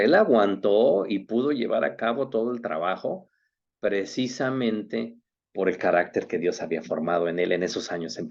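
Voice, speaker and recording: Low-voiced pastor preaching, lo-fi. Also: male voice, a little mellow. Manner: earnest preaching, rising to emphatic questions. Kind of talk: sermon.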